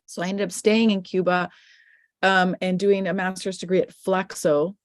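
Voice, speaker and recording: A woman's voice: fairly low pitch, level tone, normal speed, no room sound, studio quality. A middle-aged woman, a filmmaker answering questions in an online panel, speaking thoughtfully and restarting phrases. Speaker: guest filmmaker.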